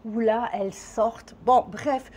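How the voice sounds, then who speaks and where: A woman's voice: a little high, steady tone, measured pace, darkish tone. Chatty, breathless French woman vlogger. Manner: chatty, rambling, swears casually. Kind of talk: casual chat to camera.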